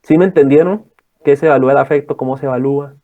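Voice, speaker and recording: A man's voice: mid-range voice, very fast, narrow, tinny audio. A young man tutoring students in a casual lecture, rambling and checking in with his listeners.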